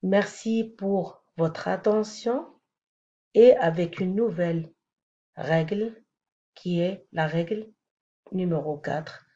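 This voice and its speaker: A woman teaching a grammar lesson, speaking slowly and deliberately and repeating each example one by one. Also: on the low side, mellow, highs cut off.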